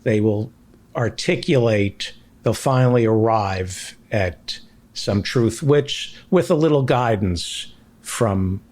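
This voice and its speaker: A man's voice: on the low side, slow, a little mellow. A man hosting a casual talk show, rambling through questions to his guests. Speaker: podcast host. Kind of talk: casual chat.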